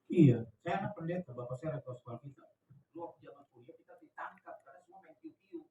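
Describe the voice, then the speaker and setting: Brief: man pastor, high-ish voice, loose joking sermon, echoey church hall, mic set back. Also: huge pitch swings, fast talker, warm tone, far from the mic, muffled recording, slight background noise. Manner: chatty, joking, with slangy asides and laughter. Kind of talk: lively conversational sermon.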